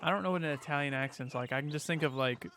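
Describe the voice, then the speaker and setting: A man's voice: on the high side, fast, fairly bright tone, slight background noise. A man streaming a game, thinking aloud with wry asides in casual commentary.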